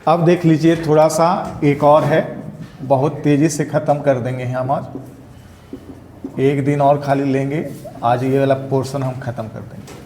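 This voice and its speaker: A male English teacher, giving an interactive classroom lecture and constantly quizzing his students whether each point is clear. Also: mid-range voice, steady tone, measured pace, warm tone, slight background noise. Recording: echoey classroom room sound.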